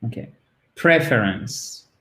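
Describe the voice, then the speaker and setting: A man's voice: medium pitch, animated, a bit bright, roomy sound. French-accented man teaching pronunciation. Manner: patient, repeats words slowly for drilling. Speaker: English teacher. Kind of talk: pronunciation lesson.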